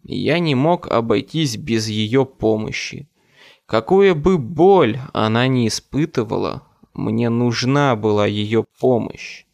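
A male audiobook narrator telling a first-person story in a measured, dramatic way. His pace is slow and unhurried, with a gravelly edge to a mid-pitched voice. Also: a little mellow.

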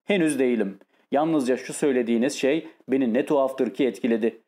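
A man voicing a tormented, lonely, nervous man who speaks in a halting, pained way in an audiobook. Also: medium pitch, dark tone, lightly acted. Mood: desperate.

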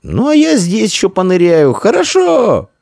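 Man putting on a shrill, touchy young boy. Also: huge pitch swings, measured pace, creaky, dry recording, clean studio sound, exaggerated voice. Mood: calling out. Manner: shouting across the water, indignant.

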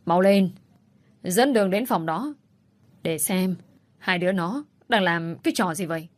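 A woman reading an audiobook voices a stern old man who scolds in harsh shouts. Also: lowish voice, racing, close to an everyday voice. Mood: angry scolding.

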